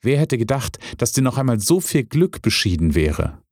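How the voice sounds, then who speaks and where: A man voicing an excited, fretting village crowd with lamenting, exclamatory speech. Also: on the low side, measured pace, slightly rough, no room sound, clean studio sound, heavily acted. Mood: jubilant.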